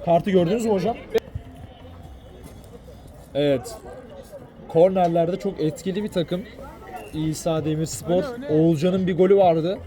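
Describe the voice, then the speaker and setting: A man giving excited, exclamatory live football commentary, often repeating phrases and players' names. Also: measured pace, pauses often. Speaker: match commentator. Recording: loud crowd behind, outdoor match. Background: cheering crowd at an outdoor pitch.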